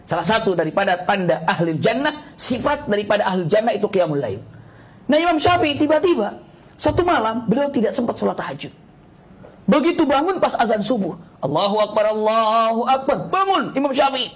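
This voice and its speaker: Preacher guy, sermon to a study group, voice jumps all over, repeats words a lot, throws in arabic. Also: brisk. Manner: animated, repeats words for emphasis, pitch swings up and down; mixes in Arabic phrases. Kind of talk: Islamic sermon to a study circle.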